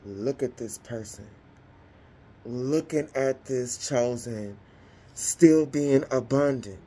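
A woman's voice: a bass voice, slow pace, dark tone, slight background noise. A woman doing a casual tarot reading, talking to her viewers in a slangy, exclamatory way. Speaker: tarot reader.

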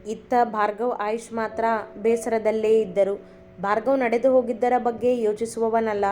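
A woman's voice: on the high side, flat delivery, moderate pace. A woman reading a family love story aloud as a storyteller, with feeling in the dialogue. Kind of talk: storybook narration. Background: soft instrumental music.

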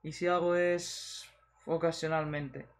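A man's voice: on the high side, level tone, takes it slowly. A young man with a Spanish accent from Spain, giving casual, slangy commentary while opening game packs, swearing freely and talking straight to his viewers. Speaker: gaming video host.

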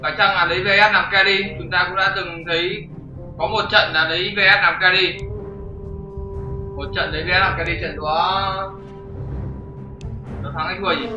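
A man's voice: sits high, steady tone, normal speed, pauses often. A man hosting his channel and commentating a game replay in a chatty, jokey way with crude slang. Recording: roomy, dull lo-fi with faint music.

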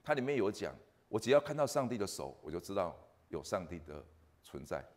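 This Christmas sermon at a church service comes from a soft-spoken man with a Taiwanese Mandarin accent and a low, sing-song voice. He often says "ah," hesitates, and repeats his words.

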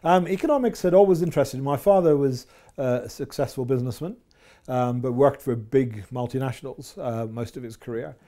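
Scottish businessman with a mellow voice. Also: mid-range voice. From Scotland. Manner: measured, reflective, with frequent fillers. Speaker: company chief executive, interview guest. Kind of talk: business interview. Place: office with window blinds. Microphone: lapel mic.

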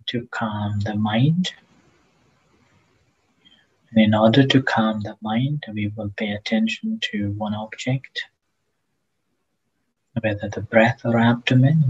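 In a muffled recording, a meditation teacher guides listeners in a husky, breathy voice on the low side. He speaks gently and haltingly, pausing at length between phrases.

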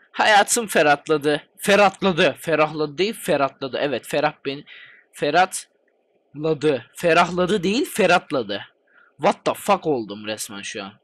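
A man giving excitable, swear-filled commentary while playing a game, hosting his own gaming channel. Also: on the high side. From Turkey. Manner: excitable, swears constantly, chatty. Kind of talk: let's play commentary.

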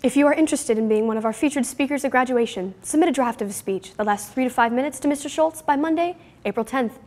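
A woman's voice: high-pitched, quick pace, a little mellow. A teenage girl anchoring a school morning show, reading announcements. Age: teens. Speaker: student news anchor. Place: school studio, indoors.

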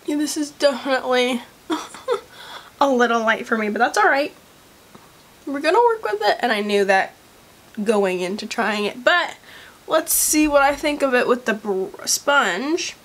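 A woman's voice: sits high, lively intonation, measured pace, pauses often, a bit bright. Chatty woman beauty vlogger. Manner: chatty, with frequent likes and ums. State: morning voice, coughing. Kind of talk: casual makeup review vlog. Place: at home, later by a window.

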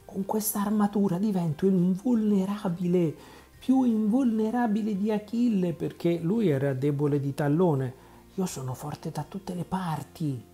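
A man's voice: high voice, a little slow, soft background music, pitched above the performer's own voice. A man doing an eager young boy. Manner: eager, excited questions. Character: young boy traveling with his donkey.

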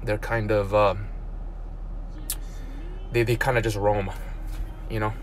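A man's voice: on the low side, flat delivery, slow. A man in his thirties, from South Korea, talking casually in a live stream from a parked car, holding his phone at arm's length. He rambles, restarting sentences and repeating words. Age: 30s. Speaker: blogger.

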